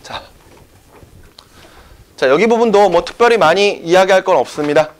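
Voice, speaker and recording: A man's voice: high-pitched, lively intonation, normal speed. A man teaching a science class, explaining step by step and often checking whether the students follow. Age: young adult. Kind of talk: classroom lecture.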